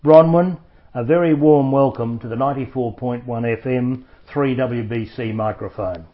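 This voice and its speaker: A man's voice: mid-range voice, moderate pace. Formal male community radio interviewer. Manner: formal, effusive introductions. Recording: dull lo-fi radio recording.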